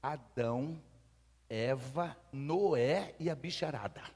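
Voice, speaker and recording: A man with a Brazilian Portuguese accent preaching a sermon, calling on the congregation to shout phrases back and shifting between loud fervor and quiet confiding talk. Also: medium pitch, takes it slowly, husky. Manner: call-and-response preaching, urging the congregation to repeat phrases. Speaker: pastor. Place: large church hall. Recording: long hall reverb.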